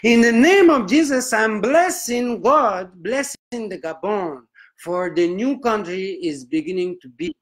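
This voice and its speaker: A solemn, self-important male prophet, as a man puts him on, preaches in broken English with a Nigerian accent. His voice rides high and swings widely from word to word. He stretches out every phrase in a slow, grand sermon. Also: expressive. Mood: preaching. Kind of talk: comic sermon.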